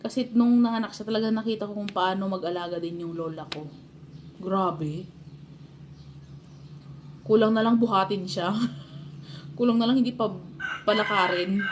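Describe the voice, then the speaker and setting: Chatty laughing Filipina vlogger. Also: female voice, mid-range voice, a little mellow, a little hiss or hum. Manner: chatty storytelling, laughs often. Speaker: vlogger chatting with live stream viewers. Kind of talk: casual live stream chat.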